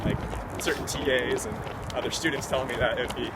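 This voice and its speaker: A man's voice: medium pitch, fairly even intonation, fast, very noisy. American man in his twenties talking while running. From Ohio, United States. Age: 20s. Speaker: professional runner being interviewed. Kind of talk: casual interview chat while running. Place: outdoors, on the move. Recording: outdoor, distant mic under loud music.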